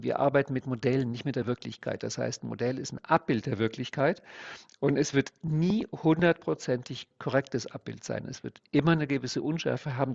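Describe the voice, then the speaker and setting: A man's voice: medium pitch, vocal fry, a little mellow, breathy edge. A man who works as an NLP trainer, explaining his ideas step by step in an interview. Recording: dull lo-fi sound.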